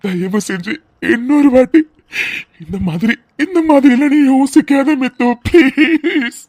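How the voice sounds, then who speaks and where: A woman's voice: high-pitched, expressive, a little slow, darkish tone, no room sound. A woman voicing a devoted young husband, tender and tearful. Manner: pleading, tender, emotional. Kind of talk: tearful cartoon drama voice acting.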